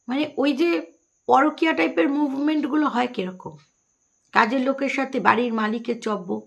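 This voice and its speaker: A Bengali woman vlogger delivers mocking, sarcastic gossip commentary, addressing her viewers directly. Her voice sits fairly high for a woman, with a husky, gravelly fry running through it.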